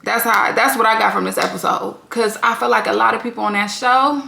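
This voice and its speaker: A woman hosting a reality TV recap, talking bluntly and with plenty of profanity in an animated, candid way. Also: a little high, brisk, vocal fry. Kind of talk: candid vlog commentary. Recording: roomy echo.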